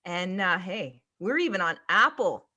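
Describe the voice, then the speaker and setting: A woman's voice: lowish voice, lively intonation, measured pace, sharp tone. A woman co-hosting a podcast, chatting casually and laughing as she talks. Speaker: podcast co-host. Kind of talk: casual chat.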